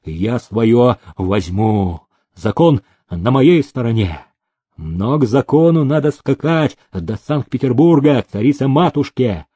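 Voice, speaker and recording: A man's voice: mid-range voice, animated, unhurried, breathy edge, dry recording. A man voicing a hot-tempered young male heir who threatens and barks orders. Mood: stern. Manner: menacing, shouting threats.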